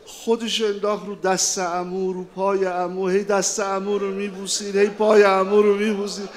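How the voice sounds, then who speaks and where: High-voiced man preaching a fervent lament. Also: flat delivery. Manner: impassioned storytelling, fervent and lamenting. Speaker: mourning preacher. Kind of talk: mourning sermon narration.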